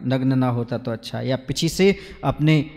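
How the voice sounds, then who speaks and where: A man's voice: mid-range voice, moderate pace, gravelly, a little mellow. A man who is a Jain monk, giving a sermon on scripture, asking his listeners questions and reciting rhyming couplets. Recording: long hall reverb.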